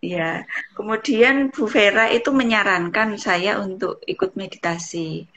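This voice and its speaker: A woman from Central Java, a teacher and guest, slowly recounting a personal experience over a video call whose audio keeps glitching and dropping out. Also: medium pitch, a bit bright. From Central Java, Indonesia. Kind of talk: recounting a personal experience in an online chat show.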